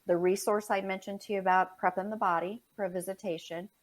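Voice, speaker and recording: A woman guest on a podcast about pet loss, telling stories in a lively way and acting out what people said. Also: mid-range voice, fast talker. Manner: animated, acts out quoted dialogue. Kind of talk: conversational storytelling.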